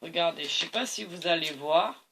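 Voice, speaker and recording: A woman's voice: lowish voice, normal speed, pushed and bright, a little hiss or hum. A tired woman hosting a painting tutorial, talking to camera as she mixes colors and keeps praising them. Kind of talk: art demonstration talk to camera.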